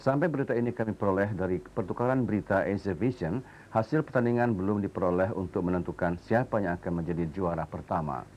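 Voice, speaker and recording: Male news anchor, Indonesian accent, low-pitched voice, formal scripted delivery, measured enunciation, noisy old TV broadcast recording. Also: darkish tone.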